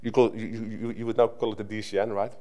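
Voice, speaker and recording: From a lectern on a conference hall stage, a middle-aged man from the Netherlands, speaking Dutch as his native tongue, talks conversationally into the lectern mic with frequent restarts. He speaks fast in a dark, lowish voice with little pitch movement.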